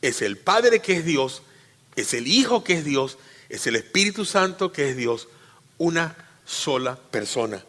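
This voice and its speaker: A man preaches to his congregation with a bright, forceful voice that rings out in a reverberant church hall. He teaches by repeating key phrases and putting questions to his listeners. His delivery swings from loud, emphatic peaks to quieter asides. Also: a little high, very animated, unhurried. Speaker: pastor. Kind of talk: sermon.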